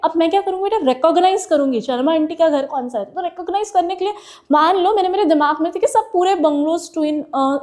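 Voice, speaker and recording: Female biology teacher, high mellow voice, relaxed explaining, Indian English accent on technical terms. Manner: explains with homely examples, calls students "beta"; mixes English terms into Hindi, frequent "theek hai". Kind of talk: classroom lecture.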